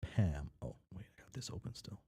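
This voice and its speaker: A man hosting a read-along stream chats and reads a story aloud while drawing, in an offhand manner with the occasional stumble. His voice is low, warm, and expressive with a breathy edge, at a normal speed and with no echo.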